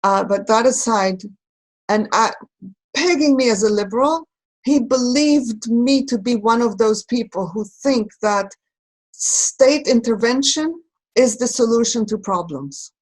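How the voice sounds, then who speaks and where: A woman from Israel speaking reflectively in a recorded conversation, pausing and searching for her words. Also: on the high side, animated, low-quality recording. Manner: thoughtful, halting, searching for words. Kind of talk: reflective talk.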